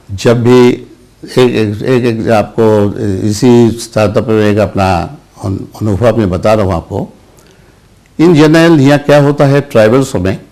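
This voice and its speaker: An older man, a senior journalist, answering interview questions slowly, with pauses, restarts and repeated words. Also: mid-range voice, darkish tone. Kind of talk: interview answers, recalled anecdotes.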